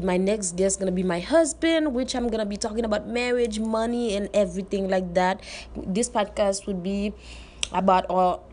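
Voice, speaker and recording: A woman's voice: on the low side, a little mellow. A woman in her twenties hosting her own podcast, talking casually and chattily in loose grammar and repeating herself. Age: 20s. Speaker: podcast host. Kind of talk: casual solo monologue. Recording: noisy background.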